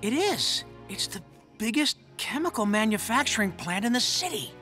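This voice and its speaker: A man's voice: high-pitched, sing-song, moderate pace, pushed and bright, full character voice. A man voicing a brainy teenage mutant turtle who explains things in technical terms. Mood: explaining. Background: cartoon music.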